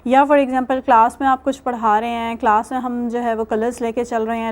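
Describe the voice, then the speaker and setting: A woman's voice: a little high, a little mellow. A middle-aged woman from Pakistan giving a recorded university lecture, explaining step by step and mixing English terms into her speech. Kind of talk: recorded distance-learning lecture.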